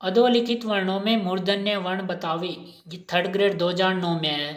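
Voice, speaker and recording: A woman's voice: mid-range voice, fairly even intonation, normal speed. A woman teacher giving an exam-prep lesson, asking questions and repeating each answer aloud. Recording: roomy echo.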